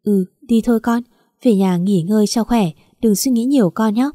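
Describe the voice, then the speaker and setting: A woman voicing a kind, gentle father-in-law who speaks reassuringly. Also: mid-range voice, normal speed, no echo, studio quality, natural voice.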